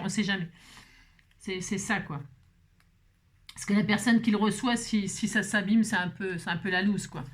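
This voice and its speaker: Chatty French woman, a bit hoarse. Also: a little high. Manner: rambling, talks to viewers while working, many fillers. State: slightly hoarse voice. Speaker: crafting tutorial host. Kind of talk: chatty crafting tutorial.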